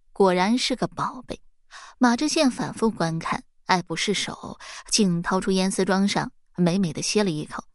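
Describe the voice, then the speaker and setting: A woman's voice: mid-range voice, no room sound, clean studio sound. A woman narrating a folk tale, acting out the characters' lines with small shifts in her voice. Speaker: storyteller.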